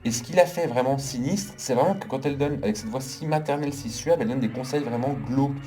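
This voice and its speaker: A man talks through a casual movie review with strong, emphatic opinions, stacking intensifier on intensifier. His voice is mellow and on the dark side, at an ordinary male pitch. Soft music runs faintly in the background. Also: fast talker. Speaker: film critic. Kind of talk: casual video film review.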